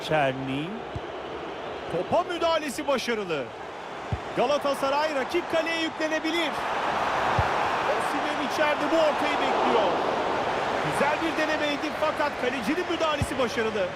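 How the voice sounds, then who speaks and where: A man giving excitable play-by-play football commentary in speech for a video game, announcing the action. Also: extremely high pitch, brisk. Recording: loud stadium crowd noise behind voice. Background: roaring stadium crowd.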